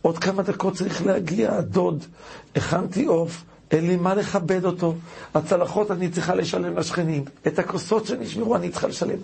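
Furious exasperated mother, put on by a gravelly rabbi; sermon story quote. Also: high-pitched, darkish tone, heavily acted. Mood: scolding. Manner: scolding, exasperated. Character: angry poor mother scolding her son.

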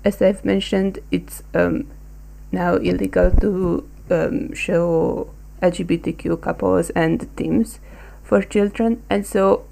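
Slow, gravelly-voiced young woman. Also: fairly low pitch, steady tone, dark tone, slight background noise, poor audio. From Hungary. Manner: hesitant, many ums. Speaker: podcast co-host. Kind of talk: casual discussion.

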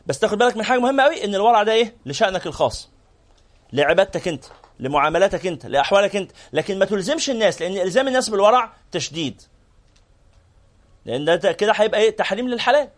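A man's voice: high-pitched, animated, very fast. A man with an Egyptian Arabic accent giving a religious lesson to a live audience, firing off rhetorical questions and prompting listeners to answer. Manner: repeats phrases in lists. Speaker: sheikh teaching hadith.

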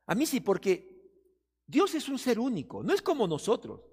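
A male pastor preaching a sermon, often acting out doubters and busy churchgoers in quick quoted asides. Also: very high-pitched, huge pitch swings, darkish tone, slightly rough. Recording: long reverb of a church hall.

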